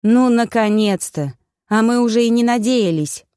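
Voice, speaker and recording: A woman voicing Yaga, a sharp-tongued, bossy old witch who scolds loudly. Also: lowish voice, expressive, moderate pace, smooth, no echo, studio quality, lightly acted. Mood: scolding. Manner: tart, scolding, raised voice.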